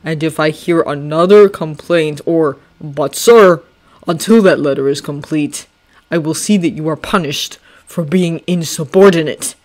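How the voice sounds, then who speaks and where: Woman voicing a weary, commanding male general; low, clipped, firm. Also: unhurried, a little mellow. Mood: stern.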